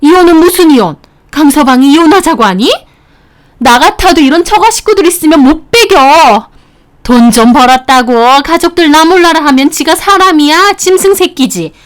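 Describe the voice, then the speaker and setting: A woman voicing a domineering middle-aged mother-in-law who scolds and shouts in a dramatized story reading. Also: sits high, animated, moderate pace, voice pushed up. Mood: scolding.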